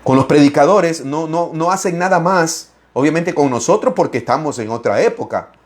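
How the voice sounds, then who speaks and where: Male preacher, middle-aged, fairly high-pitched, expressive and theatrical, loud then soft. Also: normal speed. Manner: expressive, raises and lowers his voice, laughs while speaking; acts out opponents' lines in mocking voices. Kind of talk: animated Bible-study preaching.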